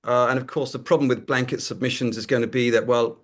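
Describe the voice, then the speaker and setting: A man's voice: medium pitch, steady tone, fast talker. A man interviewing in a conversational way, affirming and tentative, circling around his questions.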